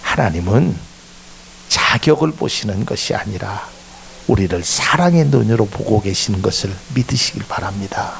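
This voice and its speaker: Pastor, male, middle-aged: gravelly, lively sermon delivery with dramatic quoted voices. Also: lowish voice, moderate pace, slight background noise. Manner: preaching with dramatic voiced quotes, rising to emphatic peaks.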